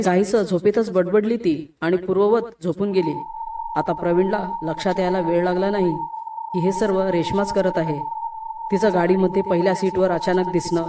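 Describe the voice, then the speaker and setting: A woman's voice: lowish voice, far from the mic, noisy background. A woman reading a scripted horror story aloud, speaking every character's lines in her own voice. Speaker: narrator.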